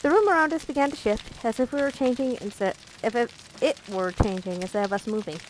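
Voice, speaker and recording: A woman narrating a visual novel let's play aloud, her voice slightly high. She reads the story playfully and keeps breaking off for jokey asides. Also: brisk, slight background noise, poor audio.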